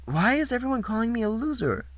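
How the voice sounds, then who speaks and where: A man's voice: very high-pitched, lively intonation, unhurried, bright, forceful tone, dry recording, pitched above the performer's own voice, heavily acted. A man voicing an indignant, proud fallen god. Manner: indignant, demanding. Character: proud god trapped as a beaten-up young man.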